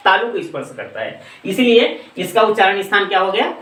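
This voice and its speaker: A man teaching a grammar lesson, asking questions and answering them himself, and reciting letters slowly one by one. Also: high voice, sing-song, a bit bright, far from the mic. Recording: echoey room, voice off-mic.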